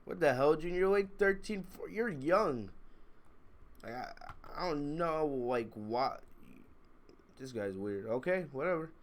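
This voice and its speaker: Fairly high and expressive, this man's voice is stuffed up from a cold as he unhurriedly hosts a wrestling review livestream. His live commentary to viewers is casual yet blunt, forceful, and full of opinions.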